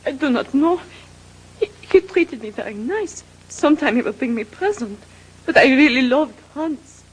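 An actress playing a tearful young French maid in an old-time radio drama, speaking halting broken English with a French accent. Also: female voice, sits high, expressive, low-quality recording.

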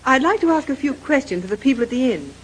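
A woman's voice: sits high, big pitch swings, fast talker, slightly rough, heavily acted, poor audio. An actress playing a polite young woman detective asking questions in an old-time radio drama. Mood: poised.

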